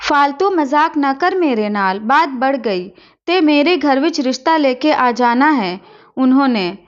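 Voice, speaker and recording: A woman voicing a feisty young woman who talks low and irritably. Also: animated, measured pace. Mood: irritated. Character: feisty young woman, fiery Punjabi friend. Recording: dull lo-fi recording.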